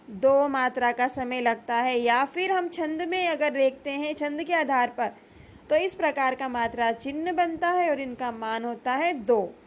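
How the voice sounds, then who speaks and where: A woman's voice: sits high, a little hiss or hum. A woman teaching a grammar lesson, patiently repeating key terms and asking questions that she then answers herself.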